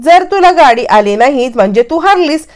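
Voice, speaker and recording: A woman's voice: high-pitched, animated, moderate pace. Sneering young man in a quarrel, read by a woman. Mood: irritated, taunting. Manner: taunting, argumentative.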